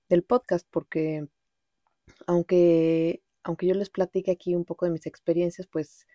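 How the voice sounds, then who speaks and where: A podcast host from Mexico City, Mexico, speaks with a Mexican accent in a low, warm voice, rambling informally through personal reflections and dropping in occasional English words. It's a casual, storytelling monologue, recorded dry at studio quality.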